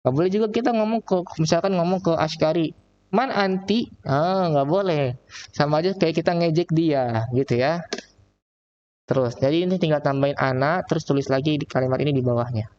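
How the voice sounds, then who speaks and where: Jakarta teacher's slow lo-fi lesson. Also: male voice, fairly high pitch, darkish tone, a little hiss or hum. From Indonesia. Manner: slow, drawn-out reading of example phrases. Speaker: Arabic teacher. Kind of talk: recorded online lesson. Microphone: laptop mic.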